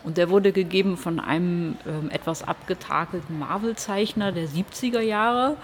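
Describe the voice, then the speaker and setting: A woman's voice: on the low side, normal speed, slight background noise. A woman from Hamburg, a comic artist, telling her story in an interview in a reflective way with hesitant fillers. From Hamburg, Germany.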